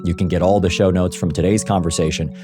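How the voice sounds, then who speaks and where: A man's voice: low-pitched, fairly even intonation, fast talker, over music. A man hosting a career podcast and asking his guest questions. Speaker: podcast host. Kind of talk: interview podcast.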